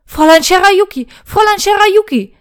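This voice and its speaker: A woman's voice: on the high side, brisk, close to an everyday voice. A woman reading a storybook, voicing a young male knight who pleads urgently and anxiously. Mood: panicked.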